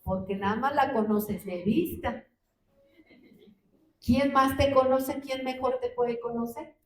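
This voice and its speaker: Female preacher, high pitched, asks rhetorical questions, recorded from afar in a roomy hall. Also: slow pace. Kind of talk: sermon. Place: church hall. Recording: roomy hall, distant mic.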